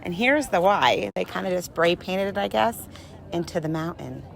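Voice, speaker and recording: A woman's voice: on the low side, moderate pace, creaky, rough recording. A woman speaking in an enthusiastic, motivational vlog style into a handheld phone on an outdoor mountain trail, laughing often. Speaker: vlogger. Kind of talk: motivational vlog while hiking. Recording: outdoor noise with passing traffic.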